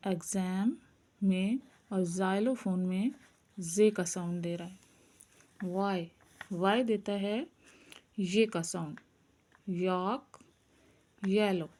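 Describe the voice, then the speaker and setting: Slow, careful woman teaching letter sounds. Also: medium pitch, darkish tone. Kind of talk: phonics lesson.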